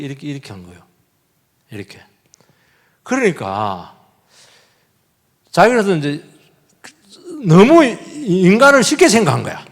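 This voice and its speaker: Animated raspy pastor in a reverberant church. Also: male voice, sits high. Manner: animated, acts out quoted voices, shifts between loud and hushed. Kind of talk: sermon. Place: church sanctuary.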